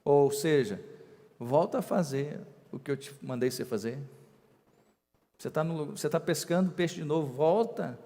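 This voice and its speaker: High-voiced preacher in a reverberant hall. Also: male voice, normal speed, pauses often, warm tone. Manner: emphatic, rising and drawing out key words. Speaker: bishop preaching. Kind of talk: sermon.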